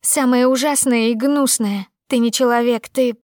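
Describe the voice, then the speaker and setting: A woman reading an audiobook, voicing a desperate young woman who bursts out in loud, pleading, indignant lines, higher than her own narration. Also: fairly even intonation, moderate pace, dry recording, studio quality, natural voice. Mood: bitter.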